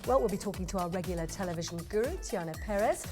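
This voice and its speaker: A woman's voice: fairly low pitch, very fast, darkish tone, faint music behind. A woman co-hosting a morning show, moving between breezy presenter links and chat.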